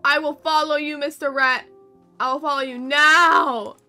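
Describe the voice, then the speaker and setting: A woman's voice: high voice, steady tone, a little slow, bright, forceful tone, soft background music, full character voice. A woman reading lines as an earnest young girl searching for her cat. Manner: earnest, pleading.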